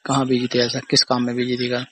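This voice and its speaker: A young man speaks at a medium pitch in a fast monotone, with slight background noise. On a recorded phone call he argues casually with his partner, accusing, repeating himself and sounding aggrieved, like a boyfriend or husband.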